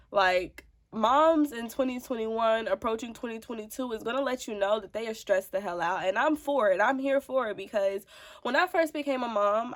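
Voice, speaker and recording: A woman in her twenties vlogging about motherhood, talking casually and emphatically to her viewers, with a stuffy, congested voice. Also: a little high. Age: 20s. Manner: chatty and emphatic, calls viewers child and baby. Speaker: mom vlogger. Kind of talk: casual vlog talk to camera.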